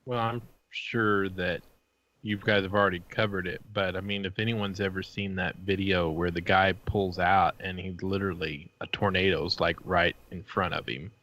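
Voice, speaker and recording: A man joining a live stream as a guest on a video call, relaxed and joking, with loose phrasing. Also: low-pitched, normal speed, no room sound. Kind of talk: casual live-stream chat.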